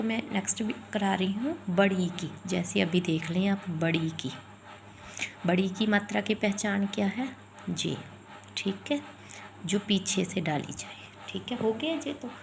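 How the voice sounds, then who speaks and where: A woman's voice: mid-range voice, vocal fry, slight background noise. A woman teaching Hindi vowel signs, spelling words out sound by sound and repeating them patiently. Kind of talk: explaining letters and vowel signs.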